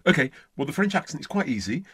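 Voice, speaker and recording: A man's voice: a little high, very animated, fast, fairly bright tone, slightly rough, dry recording, clean studio sound. A man from Essex, an accent coach in a comedy sketch interview, talking in a pompous, self-important way. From Essex, England.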